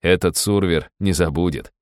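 A man reading an audiobook in a measured, grim narration. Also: low-pitched, darkish tone, dry recording, clean studio sound.

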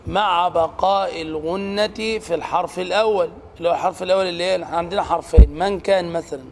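High-voiced sheikh teaching tajweed. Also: male voice, steady tone, a little hiss or hum. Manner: explains slowly, stretches out words and demonstrates sounds. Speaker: Quran recitation teacher. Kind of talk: tajweed lesson.

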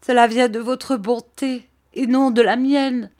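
A woman's voice: a little high, fairly even intonation, measured pace, a little mellow, voice pushed up, lightly acted. A woman voicing a tearful, remorseful young woman who pleads through sobs in an audiobook. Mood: remorseful sobbing.

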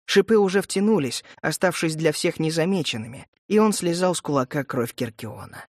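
Brief: male audiobook narrator, measured delivery, slightly high, dry studio sound. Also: no room sound.

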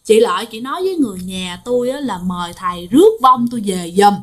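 A woman voicing the ghost of a man killed on the road, pleading softly and repeating her begging in a told ghost story. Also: medium pitch, animated, fast, close to an everyday voice. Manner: soft, begging, repeating pleas.

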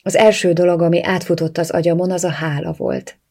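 A reader narrating a first-person novel in a quiet, subdued way. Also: mid-range voice, flat delivery, creaky.

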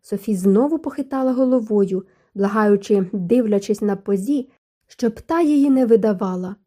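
A woman reads a novel aloud in an even storytelling manner. Her voice is very dark and mellow at a middle pitch. This is scripted audiobook narration. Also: moderate pace.

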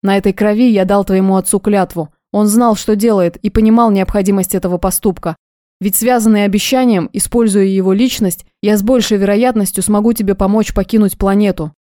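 Woman reading a calm, persuasive male mutant, mellow tone, dry close sound, audiobook. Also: mid-range voice, brisk, dry recording, natural voice. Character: calm male mutant wearing a man's face.

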